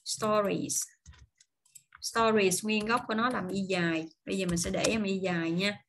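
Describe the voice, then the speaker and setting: A woman at a middle pitch runs an online pronunciation lesson. She stretches each model word out slowly, then rattles off friendly, quick explanations between them. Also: a bit bright. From Vietnam. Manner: slow, drawn-out model words, then quick chatty explanations. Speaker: English pronunciation teacher.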